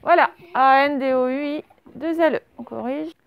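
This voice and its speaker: High-voiced teacher spelling words slowly. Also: female voice, creaky, no room sound. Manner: slow, spells out words letter by letter; patient and encouraging. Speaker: primary school teacher. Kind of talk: dictation lesson for young children.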